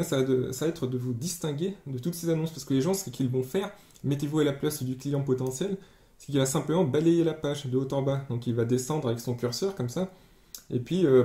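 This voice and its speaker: A man giving a screen-share tutorial as an online sales trainer, explaining step by step and pausing often on fillers. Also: medium pitch, warm tone. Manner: explanatory, hesitant with many fillers. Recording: roomy echo.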